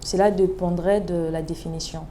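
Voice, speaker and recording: A woman's voice: fairly low pitch, fairly even intonation, normal speed, mellow, slight background noise. A woman guest on a casual studio talk show who explains her views thoughtfully, with frequent fillers.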